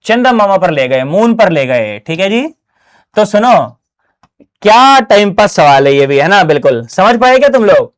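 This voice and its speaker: A man teaching physics in a relaxed, slangy online lesson from a small closed studio, who keeps checking in with his students. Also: high-pitched, moderate pace. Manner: chatty, slangy, keeps asking "है ना?". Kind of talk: casual online exam-prep lesson.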